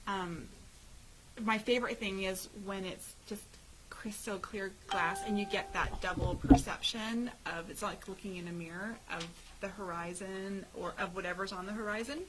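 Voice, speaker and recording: A woman's voice: mid-range voice, fairly even intonation, moderate pace, very noisy. A woman hosting a casual chat over a video call, bubbly and teasing. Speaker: host.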